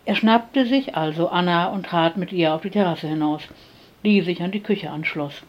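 A woman reads a first-person story aloud in a soft, calm manner. Her voice sits slightly low. The sound is dull and lo-fi. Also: normal speed. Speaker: audiobook narrator.

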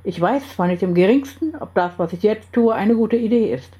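Woman voicing a tense, doubting heroine, mellow tone, read-aloud story. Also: medium pitch, normal speed, close to an everyday voice. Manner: tense, then resolute. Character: doubtful but determined young woman heroine.

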